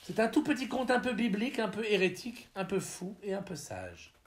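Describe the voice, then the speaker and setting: A man's voice: sits high, animated, a little fast, pitched above the performer's own voice. A man voicing an eccentric, impoverished male wanderer who speaks in an earnest, slyly whimsical way.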